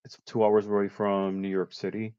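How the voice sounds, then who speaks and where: A man's voice: on the low side, completely flat delivery, normal speed, warm tone, clean tone, dry recording, muffled recording. A man of about fifty from Puerto Rico, a guest in a casual chat, talking at length and listing facts one after another. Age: around 50. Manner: chatty, lists facts at length.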